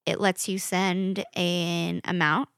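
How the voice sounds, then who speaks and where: A woman's voice: fairly low pitch, little pitch movement, takes it slowly, creaky, a bit bright, smooth, no echo, studio quality. A woman co-hosting a podcast in casual, bubbly chat with many fillers. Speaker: podcast co-host.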